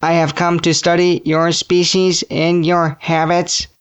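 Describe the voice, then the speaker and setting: A synthetic robot voice playing a formal alien researcher who asks polite, slow questions about human habits. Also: medium pitch, flat delivery, clean tone. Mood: formal curious.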